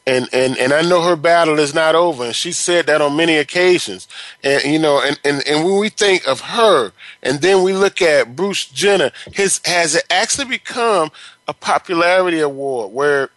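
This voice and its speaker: A man co-hosting a casual sports talk chat, halting and repeating words as he builds his opinions. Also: fairly high pitch, a bit bright, no room sound, poor audio.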